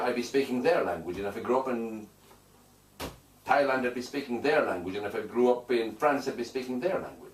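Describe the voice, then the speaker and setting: A man working as a hypnotherapist, answering interview questions in an emphatic, declarative way and repeating phrases for weight. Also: medium pitch. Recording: echoey room, distant mic, faint noise.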